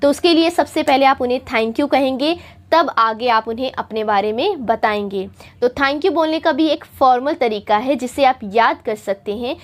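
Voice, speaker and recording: A high-voiced woman from India teaches a spoken English lesson, patiently repeating her points for students. She stretches out her English example phrases, saying them slowly and carefully.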